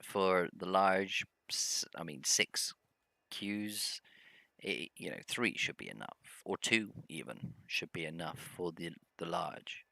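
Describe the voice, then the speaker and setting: Low, slow-talking man playing a game. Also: animated, vocal fry, sharp tone, no room sound. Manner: rambling, hesitant, humming to himself. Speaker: gameplay video host. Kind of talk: casual let's-play commentary.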